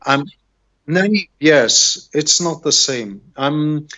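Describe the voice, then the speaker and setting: A man's voice: a little high, animated, sharp tone. A middle-aged man from Israel with an Israeli accent, a native Hebrew speaker, talking casually as an interview guest and often searching for words over a video call. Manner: halting, rambling, searching for words. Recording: dull, lo-fi video call audio.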